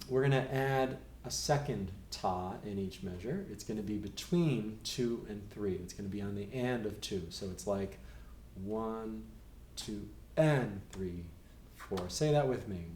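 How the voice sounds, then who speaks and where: Calm, slow-talking piano teacher. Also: male voice, fairly low pitch. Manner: calm, patient, counts steadily and talks the class through exercises. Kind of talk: relaxed rhythm lesson, counting beats aloud. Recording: echoey room with faint noise.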